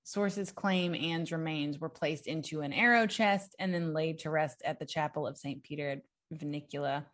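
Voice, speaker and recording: A young adult woman, a podcast co-host, excitedly recounting history from notes in a casual chat, prone to giggles. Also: low voice, moderate pace, few pauses.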